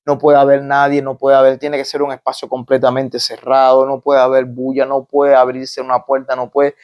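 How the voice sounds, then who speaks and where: A man's voice: mid-range voice, completely flat delivery, moderate pace, muffled recording. A man with a Cuban Spanish accent, a migrant doctor being interviewed, who explains step by step with examples and often restarts his phrases. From Cuba.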